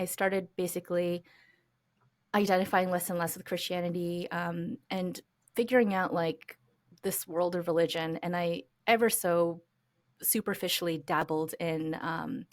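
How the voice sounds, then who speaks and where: Guest voice: low-pitched American woman, thoughtful, chatty, lots of "um" and "like". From United States. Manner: reflective, many fillers and restarts, laughs lightly. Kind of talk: conversational interview storytelling.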